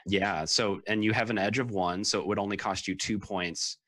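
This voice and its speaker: Game master, male, low register, casual and halting explainer. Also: steady tone, a bit bright. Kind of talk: casual tabletop game narration and rules talk.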